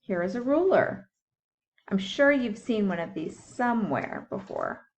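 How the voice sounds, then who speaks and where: A woman schoolteacher reads a science book aloud to young children, explaining things simply and asking them questions. Her medium-pitched voice has a sing-song lilt and moves a little slowly.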